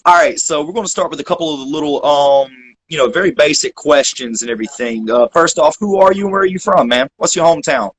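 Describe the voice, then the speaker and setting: On a rough recording, a middle-aged interview host with a Southern accent talks quickly in a fairly high voice. He runs his casual livestream in a folksy, effusive style and spends a long time thanking guests.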